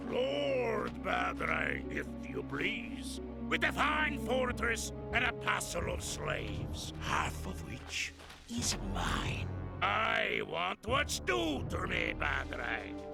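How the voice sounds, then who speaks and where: An actor playing a gruff, boisterous old pirate captain in a cartoon, talking like a salty, theatrical old fisherman, sly and greedy. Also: high voice, huge pitch swings, extremely slow, heavily acted. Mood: menacing. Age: older. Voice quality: gravelly. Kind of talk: animated cartoon acting. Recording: music behind the voice.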